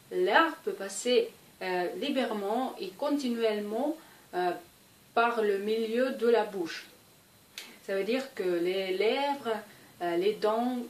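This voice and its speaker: A woman's voice: mid-range voice, far from the mic. A woman from Russia with a Russian accent, teaching a language lesson patiently and drawing out example sounds. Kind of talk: explanatory lesson. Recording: echoey room, voice off-mic, faint ambience.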